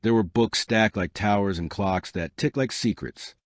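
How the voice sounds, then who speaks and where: A man reading a scripted bedtime story as a measured, wise storyteller with dramatic pauses. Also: on the low side, dry recording, studio quality.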